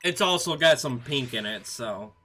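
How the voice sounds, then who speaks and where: A man in a casual gaming chat, laid-back and a little hesitant, with drawn-out fillers. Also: medium pitch, lively intonation. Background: faint background music.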